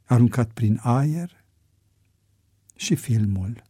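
A man narrating an adventure story in a measured, dramatic audiobook reading. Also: mid-range voice, lively intonation, warm tone, slightly rough, no echo, clean studio sound.

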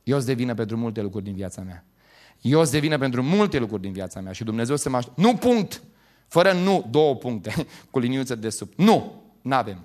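A man preaching a sermon as pastor. He swings between loud exclamations and quiet, joking asides, and laughs with the congregation. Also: medium pitch, very animated.

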